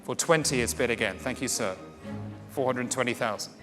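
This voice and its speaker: A man conducts a live fine art auction in a saleroom, at a medium pitch. He repeats the bids in formal, courteous auctioneer patter, addressing bidders directly. Music plays clearly behind his voice. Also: a little fast.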